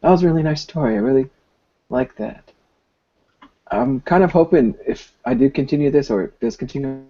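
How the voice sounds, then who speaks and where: A man's voice: mid-range voice, brisk. A man hosting an online group discussion, talking in a rambling, hesitant way. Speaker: host. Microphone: video call. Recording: dull lo-fi voice-call audio.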